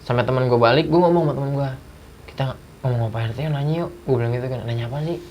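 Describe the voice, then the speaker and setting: A man's voice: medium pitch, rapid-fire, a little hiss or hum. A man casually telling a personal ghost story, acting out the dialogue in a slangy way. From Jakarta. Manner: animated retelling with acted dialogue, slangy. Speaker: guest storyteller.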